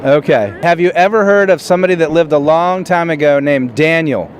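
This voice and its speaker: A man's voice: on the high side, a little fast, slight background noise. A man hosting street interviews, asking passers-by the same questions in a plain, hesitant way with frequent fillers and restarts. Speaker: street interviewer and show host. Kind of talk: street interviews and direct-to-camera intro.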